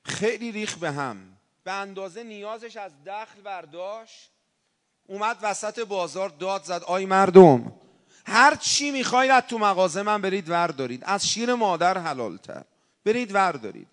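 A man delivers an emotional religious sermon in speech, his voice sitting high for a man. He moves between loud, fervent storytelling and quieter, pleading passages of prayer. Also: expressive. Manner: impassioned, swings from loud storytelling to hushed pleading. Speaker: preacher.

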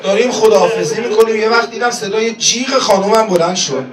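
A man preaching a mourning sermon, telling a story and breaking into sung, shouted lament. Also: high voice. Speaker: religious preacher. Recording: echoey hall, distant mic, loud crowd and noise.

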